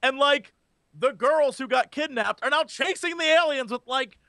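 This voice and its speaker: A man's voice: very high-pitched, moderate pace, pushed and bright, dry recording, studio quality. A man co-hosting a podcast, telling things casually in an emphatic, mocking way. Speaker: podcast co-host. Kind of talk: casual chat.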